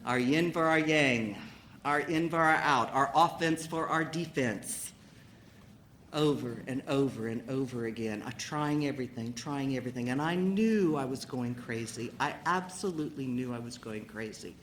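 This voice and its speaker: A woman sharing her personal recovery story at a meeting, an animated storyteller who acts out the people in it. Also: very deep voice, slight background noise.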